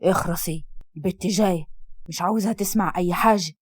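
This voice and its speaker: A woman voicing a stern, threatening Egyptian father with an Egyptian accent, who drops low and slows down on his warnings. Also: a little hiss or hum, lightly acted. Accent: Egyptian Arabic. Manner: threatening, slow and heavy on warnings.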